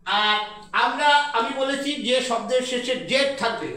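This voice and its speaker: High, bright-voiced young teacher in an echoey room. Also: male voice. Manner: slow, repeats sounds to drill pronunciation. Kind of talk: grammar lesson. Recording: very echoey room, mic at a distance.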